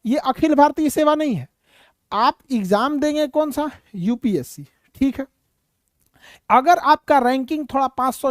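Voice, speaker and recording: A woman lectures a live class in a high, ringing voice. She fires off questions and answers them herself, with teasing, scolding asides. The sound is close and dry, with no room echo. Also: darkish tone. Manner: rhetorical questions answered aloud. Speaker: teacher.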